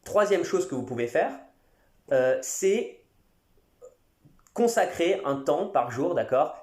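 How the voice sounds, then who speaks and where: A man who teaches English, talking casually on his podcast with many pauses and restarts. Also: mid-range voice, a little mellow, roomy sound. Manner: conversational, many fillers and restarts. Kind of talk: casual solo podcast talk.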